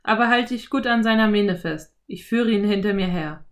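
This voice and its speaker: A woman voicing a lanky, friendly male cowboy in an audiobook, speaking loudly with an easy, self-assured drawl. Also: mid-range voice, moderate pace, lightly acted. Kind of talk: audiobook character voice.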